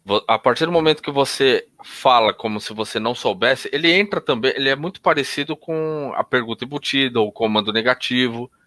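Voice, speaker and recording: A man teaching techniques in a relaxed conversational way, often restarting sentences and changing his tone to show examples. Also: medium pitch, a little fast, hardly any pauses, dry recording. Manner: explains with hesitant restarts, demonstrates intonation shifts. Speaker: NLP instructor.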